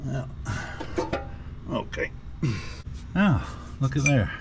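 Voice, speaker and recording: Over loud music, a man with a medium-pitched, creaky voice draws out his words in an animated way. He's a garage vlogger fixing an old car outside and joking dryly to himself as he goes. Engine noise and outdoor ambience fill the noisy recording.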